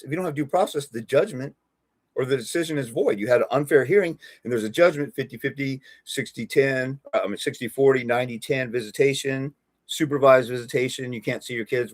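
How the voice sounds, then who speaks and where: Blunt, animated man in a dry room. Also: medium pitch, fairly quick, dry recording. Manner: blunt, animated, acts out courtroom exchanges. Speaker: fathers' rights advisor hosting a live stream. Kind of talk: casual live-stream talk.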